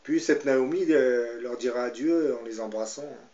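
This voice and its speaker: Man, mid pitch, hesitant, many fillers, commentary and Bible storytelling, echoey room, muffled sound. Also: moderate pace, warm tone. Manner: hesitant, full of fillers and tag questions. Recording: roomy, slightly dull sound.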